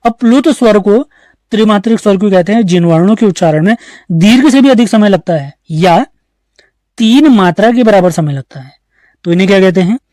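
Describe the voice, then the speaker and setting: A man's voice: sits high, animated, a little fast, dark tone, no echo, studio quality. A male teacher giving an online exam-prep grammar lesson, explaining step by step and asking the class questions that he answers himself. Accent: Uttarakhand Hindi.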